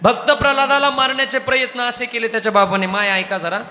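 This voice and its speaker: High bright-voiced male kirtan preacher. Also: fast, slight background noise. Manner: animated, teasing the audience with questions and jokes. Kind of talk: devotional kirtan storytelling with sung verses. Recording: reverberant hall with faint music.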